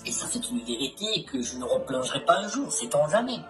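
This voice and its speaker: A person talking spontaneously in a rambling, halting way. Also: medium pitch, big pitch swings, fairly bright tone, soft background music. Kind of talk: spontaneous talk.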